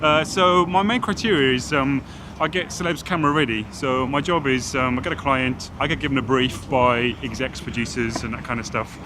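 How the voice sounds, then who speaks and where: Out on a city street, a middle-aged Welshman whose accent carries a tinge of Geordie chats casually and confidently about his job as a fashion stylist. His medium-pitched voice is a little fast, captured on a phone camera held by the other person, with street noise behind.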